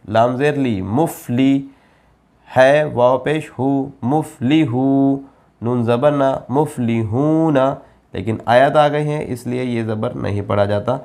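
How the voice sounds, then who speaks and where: A male Quran reading teacher spells out each syllable at a very slow, deliberate pace, with his pitch sitting in an ordinary middle range. He pauses between letters and vowel marks, then breaks into quicker explanations of the reading rules. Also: vocal fry, darkish tone.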